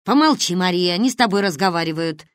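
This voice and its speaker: A commanding old grandmother with a booming, gruff voice and a dry, mocking edge, put on by a woman reading a storybook aloud. Her voice leaps through a wide, lively range, and the recording is close and dry with no room sound. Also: measured pace, dry recording. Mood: gruff teasing. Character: stern booming old grandmother, sharp-tongued.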